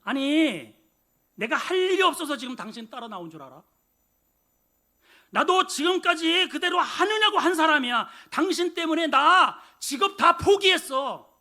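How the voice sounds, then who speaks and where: A preacher acting out a hot-tempered fisherman yelling back. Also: very high voice, lively intonation, normal speed, voice pushed up, exaggerated voice. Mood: indignant. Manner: shouting, protesting. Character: indignant middle-aged fisherman man, hot-tempered.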